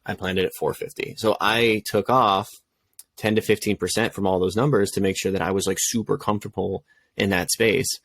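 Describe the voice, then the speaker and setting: A man's voice: on the low side, fairly even intonation, fairly quick, fairly bright tone, a little hiss or hum. A young adult man co-hosting a casual podcast, telling his own story in a candid, reflective way. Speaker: podcast co-host.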